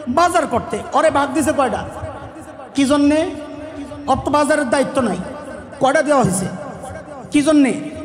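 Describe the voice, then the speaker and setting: A male preacher shouts his sermon in a very high, strained voice, quizzing the crowd so they answer back. The recording is roomy, with a long reverb trailing behind him. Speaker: Islamic preacher. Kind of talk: sermon with audience call-and-response. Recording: echoey hall reverb.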